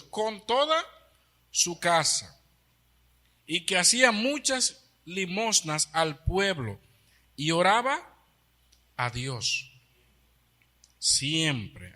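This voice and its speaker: Male pastor, fairly high bright voice, explanatory Bible-study sermon with rhetorical questions. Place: church.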